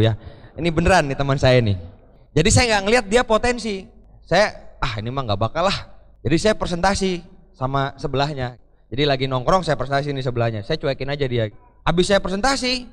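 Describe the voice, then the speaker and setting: A man giving a live motivational talk to an audience on stage, telling stories, acting out what people said and often turning back to the crowd. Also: on the high side. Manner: lively storyteller who acts out quoted dialogue and keeps addressing the audience. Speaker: motivational speaker. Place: large event hall. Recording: live hall recording with long reverb.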